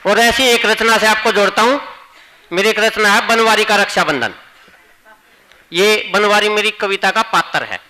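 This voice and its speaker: A man's voice: sits high, moderate pace, bright, forceful tone, slight background noise, low-quality recording. A man with a Haryanvi accent reciting humorous poetry at a college gathering and joking with the audience between verses. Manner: joking, chatty asides to the audience. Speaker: poet.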